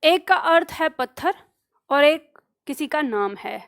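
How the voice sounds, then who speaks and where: A woman teaching a grammar lesson online, repeating phrases slowly for students to write down and answering her own questions. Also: sits high, lively intonation. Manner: asks questions and answers them herself. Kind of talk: online exam-prep lesson.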